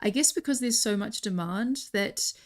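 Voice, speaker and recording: A woman's voice: medium pitch, animated, normal speed. Chatty woman hosting a live stream. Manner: chatty, encouraging, cheering on competitors. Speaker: host.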